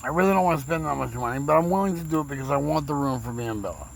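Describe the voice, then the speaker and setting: A man's voice: a little high, very fast, gravelly, slight background noise, poor audio. A man telling his own story in a rambling, emotional way, his speech slurred after a recent stroke. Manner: rambling, repeats words, emotional. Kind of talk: casual personal storytelling.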